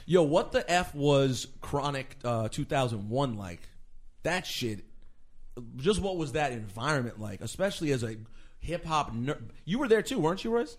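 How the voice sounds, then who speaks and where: A man's voice: fairly high pitch, very animated, moderate pace. A man hosting a casual interview, asking questions in an enthusiastic, joking way and calling himself a hip-hop nerd. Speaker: podcast host.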